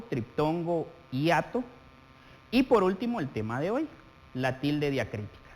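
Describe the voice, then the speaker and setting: Guy from guatemala teaching a tv lesson, kinda high voice that jumps around a lot, talks right to you, echoey room w/ faint hum. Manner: addresses the viewer directly, stretches out example words while dictating. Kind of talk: televised classroom lesson. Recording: TV studio audio with long reverb and faint hum.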